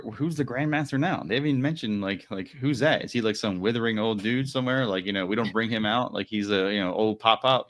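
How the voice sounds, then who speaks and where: A podcast co-host, this man has a mid-range, somewhat bright voice. He recaps a book in rambling, casual talk, peppering it with "like" and "you know" and quickly acting out quotes.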